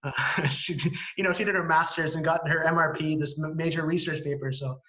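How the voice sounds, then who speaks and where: Higher-voiced man chatting casually on a stream. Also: steady tone, a little fast, bright, forceful tone. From Canada. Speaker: live stream co-host. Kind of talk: casual chat. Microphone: video call. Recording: slightly dull video-call audio.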